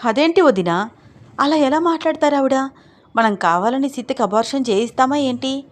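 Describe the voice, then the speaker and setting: A woman's voice: mid-range voice, steady tone, brisk, natural voice. A woman voicing an upset, indignant young wife in a read-aloud audio story. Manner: exasperated, complaining.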